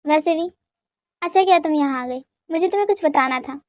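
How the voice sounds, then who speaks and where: A woman's voice: high-pitched, fairly quick, dry recording, clean studio sound, lightly acted. A woman voicing an easygoing middle-aged father in a fan dub drama who talks in an amused way. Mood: gentle. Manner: amused, relaxed.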